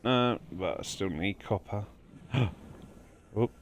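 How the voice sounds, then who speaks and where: A man's voice: on the low side, takes it slowly, muffled recording, noisy background. A man giving casual let's-play commentary as he plays, chatting to the game's creatures. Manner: chatty, talks to game creatures while playing. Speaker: gaming livestreamer.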